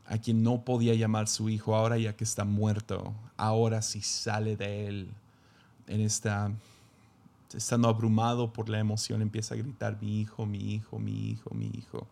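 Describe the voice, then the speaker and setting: Gravelly-voiced man preaching reflectively. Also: on the low side, a little mellow. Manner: reflective, reads scripture aloud then muses with restarts. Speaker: pastor. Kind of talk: sermon.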